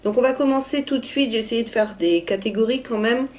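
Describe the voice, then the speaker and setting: A hoarse young woman, raspy from being ill, chatting through a casual haul video with many hesitations. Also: fairly high pitch, a little fast, a little mellow, slight background noise. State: hoarse from illness. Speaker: vlogger.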